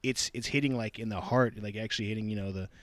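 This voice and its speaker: A man's voice: fairly low pitch, steady tone, fast, fairly bright tone, dry recording. Casting: man, podcast co-host, rambling casual talker, dry close sound. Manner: rambling, many "like" fillers. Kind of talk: casual chat.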